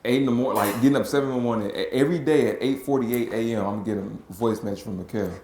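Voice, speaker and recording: A young man in casual chat, animated and laughing easily. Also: medium pitch, very fast, a little hiss or hum. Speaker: author, guest. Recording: roomy echo.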